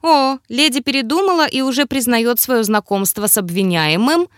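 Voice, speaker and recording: A woman's voice: mid-range voice, sing-song, normal speed, dry recording, studio quality, natural voice. A woman voicing a sarcastic male elf curator who drawls and mocks theatrically in an audiobook.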